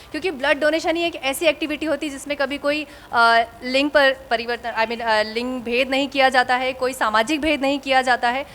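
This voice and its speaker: A woman organizer speaks with measured earnestness about a blood drive. Her voice is fairly high and trails off into a long reverb. A faint background hum sits underneath. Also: fairly bright tone. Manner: measured and earnest, making an appeal. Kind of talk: on-location interview answers. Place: blood donation camp.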